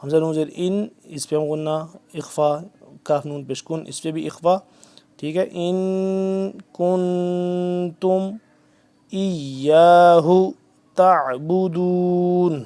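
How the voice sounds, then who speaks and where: A man teaching a Quran recitation lesson, drawn-out chanted phrases mixed with quick explanations, patiently repeating letters to drill them. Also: fairly high pitch, steady tone, warm tone. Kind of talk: tajweed lesson, slow recitation between fast explanation.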